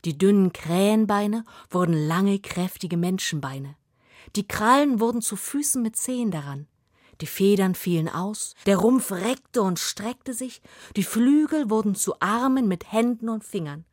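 A woman telling a fairy tale aloud, slow and expressive, sometimes dropping to a whisper. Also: mid-range voice, no echo, studio quality. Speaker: storyteller.

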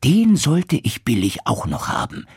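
A man's voice: mid-range voice, wildly swooping pitch, measured pace, vocal fry, a little mellow, slightly rough, no echo, clean studio sound, voice pushed up, heavily acted. A man voicing a greedy, cowardly innkeeper in a fairy tale. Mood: scheming. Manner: scheming, then whiny.

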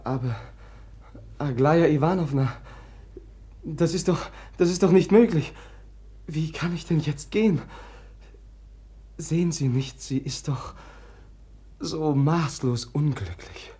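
A gentle, vulnerable prince in a classic radio play. His breathy, husky voice is earnest and anxious, halting as he pleads. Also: on the high side. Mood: pleading, distressed. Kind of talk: German literary radio drama acting.

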